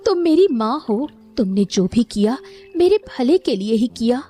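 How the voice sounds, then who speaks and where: A woman voicing a loving, determined young daughter in an animated story, with a soft, earnest voice. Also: fairly high pitch, measured pace, faint music behind. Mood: tender. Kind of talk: Hindi cartoon voice acting.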